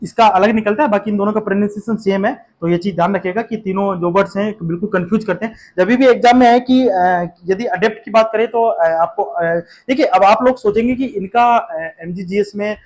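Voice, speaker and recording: This exam-prep vocabulary lesson comes from a man with an Indian English accent whose voice sits high and a little mellow. He talks briskly with few pauses, yet stays patient and repetitive, dropping in fillers and check-in questions often.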